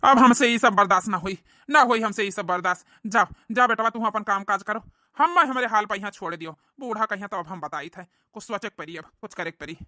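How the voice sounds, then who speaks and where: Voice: medium pitch, a little fast, pushed and bright, dry recording, studio quality, lightly acted. A voice actor playing a self-pitying old village husband, complaining plaintively in a cartoon comedy. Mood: resigned.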